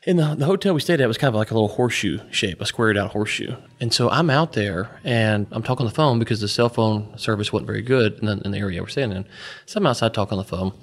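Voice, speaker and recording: A man's voice: lowish voice, fast talker. A man as a podcast guest, telling a casual story with many "you know" fillers.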